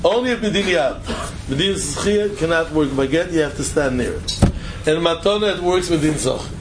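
A man's voice: fairly high pitch, animated, normal speed, background noise. A man with lecturing informally as a Talmud teacher, asking rhetorical questions and repeating phrases for emphasis.

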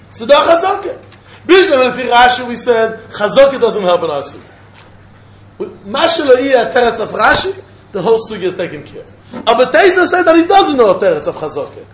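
A man with a Yiddish accent teaching an informal religious lesson, insistently repeating his phrases as he explains and questions. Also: very high-pitched. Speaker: Talmud teacher. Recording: echoey room with faint noise.

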